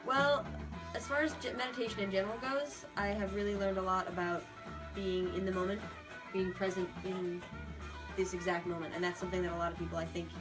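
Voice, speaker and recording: A young adult woman, a puppeteer and theater performer, talks as an interview guest about her art, sounding earnest, reflective and casual. Her mid-range voice is flat and a little fast. The low-quality recording has guitar music playing behind her.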